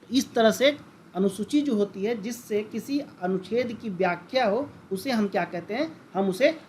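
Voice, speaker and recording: With lively intonation and a moderate pace, a man whose high voice has a darkish tone teaches in lecture style, addressing listeners as friends. He keeps quizzing the class and repeating key terms, with slight background noise present.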